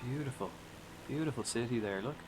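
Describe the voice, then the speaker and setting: A man's voice: mid-range voice, fairly quick, background noise. A man with an Irish accent giving casual, rambling live commentary while he plays a flight game, swearing and chatting back to viewers.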